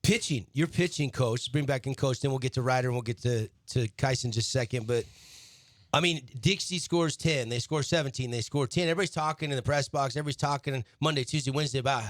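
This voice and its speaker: A man's voice: medium pitch, quick pace, no echo. A man hosting a sports talk radio show, eagerly stacking questions for the players in the studio.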